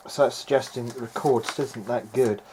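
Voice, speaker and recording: This noisy amateur recording captures a hobbyist electronics repairer narrating a hesitant, casual video diary as he tests equipment and thinks out loud. His voice is medium-pitched and darkish, with fairly even intonation and a slightly fast pace.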